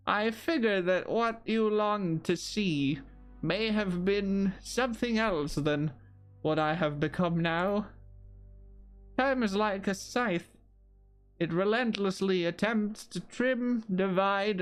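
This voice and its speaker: A man voicing a weary, tender older man, reading game dialogue slowly and solemnly. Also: high-pitched, smooth.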